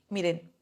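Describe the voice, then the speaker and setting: A mother earnestly tells a story from her own life, acting out what each person said.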